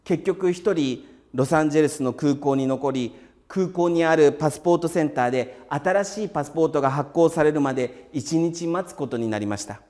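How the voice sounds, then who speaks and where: A man preaching a calm, measured sermon in a steady voice, sometimes dropping to a hushed whisper. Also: on the high side, in a large hall. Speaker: pastor.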